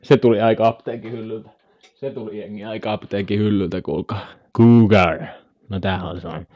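A man's voice: fairly low pitch, steady tone, muffled recording. A young man from Finland chatting casually on a live stream, joking, rambling and trying out animal sounds.

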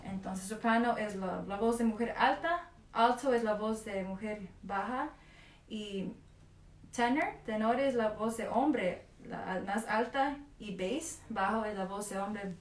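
A woman's voice: mid-range voice, unhurried, slight background noise. A woman with a mezzo-soprano voice giving an online singing lesson, counting aloud, demonstrating vowel drills and slipping English words into her speech. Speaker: singing teacher. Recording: roomy sound, mic at a distance, loud piano. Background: piano accompaniment.

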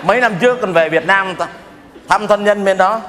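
A man's voice: high voice, a little fast, fairly bright tone. An actor playing a boastful aging overseas husband, lecturing his family in a live stage comedy. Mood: blustering. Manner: blustering, lecturing, self-justifying. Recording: live stage, hall reverb, audience noise.

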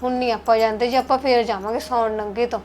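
In a village family web drama, a young Punjabi-accented Indian woman plays a sorrowful young wife mourning her absent mother, sounding plaintive and complaining. Her fairly high voice is steady, fast and a little mellow, lightly acted, with slight background noise. Music runs beneath the lines.

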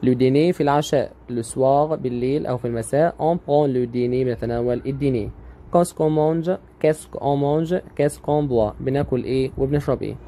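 Teaching French grammar online, an Egyptian Arabic-accented man slowly and patiently says every word again. His voice is mid-range with a dark tone.

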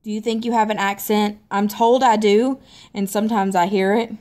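A young woman from the American South with a Southern accent, chatting casually to camera in a hesitant, low-key way. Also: little pitch movement, normal speed, darkish tone. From Tennessee and Mississippi, United States. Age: young adult. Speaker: amateur vlogger. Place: small living room at home, seated in an armchair.

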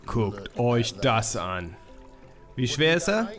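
A man in his thirties at a middle pitch, talking eagerly through a fishing vlog and raving about big catches. Music plays clearly under his voice. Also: very animated, slow pace. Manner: enthusiastic, exclaiming over big fish. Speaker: carp fishing vlogger. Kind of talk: travel and fishing vlog narration. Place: outdoors by a lake.

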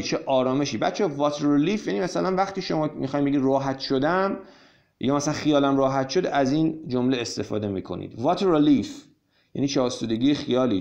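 A man teaching English vocabulary, reading story sentences slowly and then explaining them quickly to his students. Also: medium pitch, a little mellow, muffled recording. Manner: addresses students directly.

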